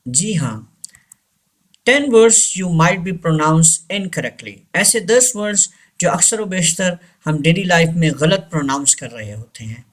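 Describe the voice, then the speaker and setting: Very slow, deliberate male teacher. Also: on the high side, sing-song, fairly bright tone. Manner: slow, deliberate, repeats each word. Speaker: English pronunciation teacher. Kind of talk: pronunciation lesson with drilled repetition.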